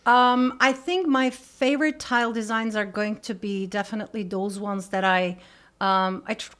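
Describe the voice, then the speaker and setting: A woman's voice: mid-range voice, steady tone, moderate pace, a bit bright. Hesitant Turkish-born woman artist. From Turkey. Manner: hesitant, many ums and uhs. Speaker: guest artist. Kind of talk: casual interview.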